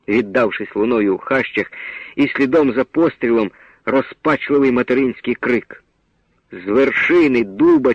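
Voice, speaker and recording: A man reading a novel aloud in a measured, dramatic manner, heard on a dull lo-fi old radio recording. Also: medium pitch, dry recording. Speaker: narrator. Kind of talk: scripted audiobook narration.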